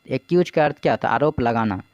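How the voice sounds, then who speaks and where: A man's voice: mid-range voice, expressive, fast, darkish tone, no room sound, dull audio. Man teaching English words in Hindi. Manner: spells words letter by letter, asks and answers own questions. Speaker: exam coaching teacher. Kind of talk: explaining English vocabulary in Hindi.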